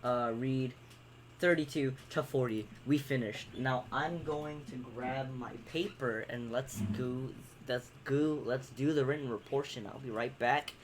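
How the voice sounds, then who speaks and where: Slow-talking joking student man. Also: medium pitch, slight background noise, poor audio. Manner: joking, self-interrupting, stumbles over words. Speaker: student vlogger. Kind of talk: casual vlog, reading homework aloud.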